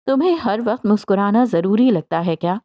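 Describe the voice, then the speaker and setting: A woman's voice: medium pitch, lively intonation, lo-fi sound, close to an everyday voice. A woman reading a bitter, tearful young woman. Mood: hurt. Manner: sharp, wounded retorts.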